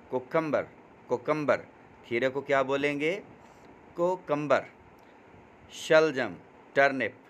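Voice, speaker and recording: A man's voice: mid-range voice, fairly bright tone, slight background noise. A man teaching vegetable names, repeating each word and quizzing the listener. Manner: slow, drills each word with call-and-answer questions. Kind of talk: vocabulary lesson with repetition.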